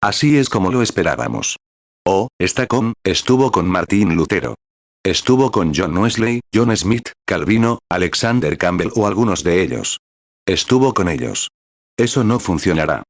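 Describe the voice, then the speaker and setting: A man preaching a sermon in an earnest way, full of rhetorical questions and a measured delivery. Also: low voice, no echo, clean studio sound. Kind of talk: sermon read in translation.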